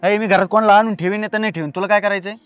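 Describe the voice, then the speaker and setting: An actor playing an irritable, two-timing husband who answers defensively and snaps back. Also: male voice, high-pitched, fairly even intonation, rapid-fire, fairly bright tone, clear, resonant tone, no room sound, faint music behind. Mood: snapping. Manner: defensive, snapping, short-tempered. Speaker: cheating husband. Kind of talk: comedy film acting.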